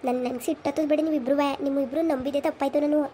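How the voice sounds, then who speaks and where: A woman playing a bitter village mother, high voice. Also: fairly even intonation, very fast, dark tone, slight background noise, lightly acted. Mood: furious. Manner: scolding, cursing, emotional. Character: bitter rural mother abandoned by her husband.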